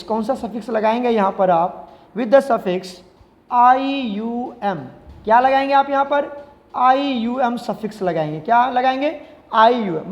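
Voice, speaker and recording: A man's voice: very high voice, long reverb tail. A male chemistry teacher, giving a classroom lecture and repeatedly asking the class questions and answering them himself. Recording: slightly dull lo-fi sound.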